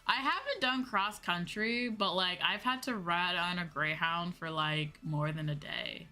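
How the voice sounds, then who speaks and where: An American woman from the United States, a VTuber streamer and host, rambles casually on a livestream in slangy, informal talk. Her voice sits lowish and moves a little slowly, with a sharp edge. Background music plays behind her.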